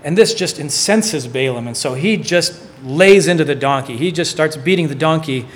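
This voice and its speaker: A man preaching a sermon, retelling a Bible story with quick, playful voiced asides for its characters. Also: on the high side.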